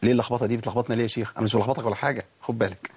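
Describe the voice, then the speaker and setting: A middle-aged man with an Egyptian Arabic accent teaching a recitation lesson, asking himself quick questions and then chanting slow, drawn-out examples. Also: medium pitch, fairly even intonation, darkish tone, husky. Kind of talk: Egyptian colloquial tajweed lesson.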